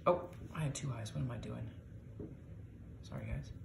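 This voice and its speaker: A woman's voice: a bass voice, moderate pace, vocal fry, roomy sound, background noise. A middle-aged woman hosting a casual board game session with her daughter, explaining rules aloud and reacting with little exclamations. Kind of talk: casual game-play chat to viewers.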